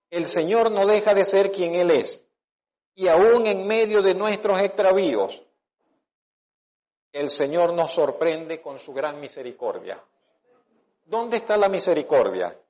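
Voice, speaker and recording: A man preaching a sermon in a relaxed, conversational way. His voice sits somewhat high for a man. He often breaks off and restarts his phrases and asks his listeners questions. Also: slow pace, long pauses. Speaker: pastor.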